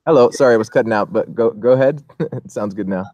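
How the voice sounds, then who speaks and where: A man's voice: mid-range voice, quick pace, a little mellow, dry recording. A man hosting a casual interview, rambling through long questions with many fillers and restarts. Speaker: interview host.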